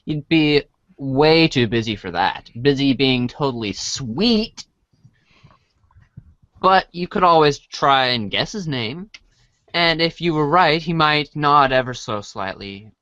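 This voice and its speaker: A reader on a read-along storybook show narrates a comic script aloud in a medium-pitched, slightly bright voice, animated yet slow. They sometimes stumble over lines and apologize, and the recording has no echo.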